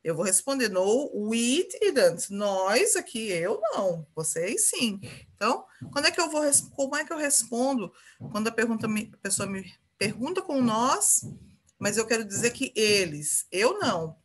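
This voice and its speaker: A woman's voice: on the high side, big pitch swings, moderate pace, a bit bright, slightly rough. A Brazilian woman teaching an English grammar lesson, patiently repeating example phrases and checking in with her students.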